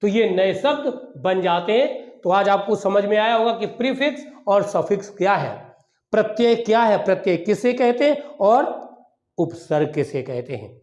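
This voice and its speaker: A man's voice: high-pitched, lively intonation, moderate pace, darkish tone, lo-fi sound. A male teacher giving a grammar lesson, repeating key points and asking questions that he answers himself. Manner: repetitive, asks and answers his own questions. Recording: echoey room.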